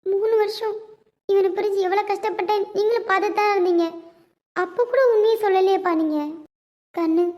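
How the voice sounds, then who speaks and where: A woman's voice: extremely high pitch, steady tone, a little fast, long pauses, darkish tone. A woman voicing a heartbroken young woman in a cartoon series, crying and accusing her father. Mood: tearful. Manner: tearful, accusing. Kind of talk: cartoon web series voice acting. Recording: dull lo-fi recording.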